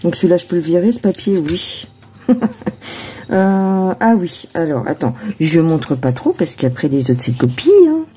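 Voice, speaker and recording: A woman's voice: lowish voice, big pitch swings, unhurried, warm tone, slight background noise. A woman tarot reader chatting casually before a reading, rambling with many hesitations and asides to herself.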